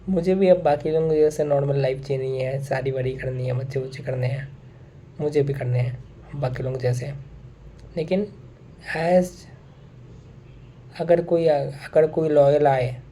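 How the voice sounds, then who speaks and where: A man's voice: fairly high pitch, dark tone, a little hiss or hum. A young man talking straight to his viewers in a casual monologue, earnest and repeating his points, with English phrases mixed in. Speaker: vlogger.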